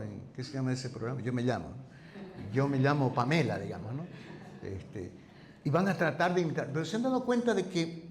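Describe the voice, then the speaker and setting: A man's voice: fairly high pitch, darkish tone, reverberant, a little hiss or hum. A male pastor preaching a sermon in a conversational way, often asking his listeners to confirm with rhetorical questions. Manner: voice teacher, careful about vocal timbre. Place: church hall.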